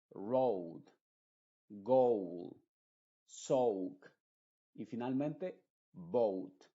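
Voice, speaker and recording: A man's voice: medium pitch, dark tone, muffled recording. A man, teaching English pronunciation patiently and repeating example words. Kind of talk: slow, explanatory lesson narration.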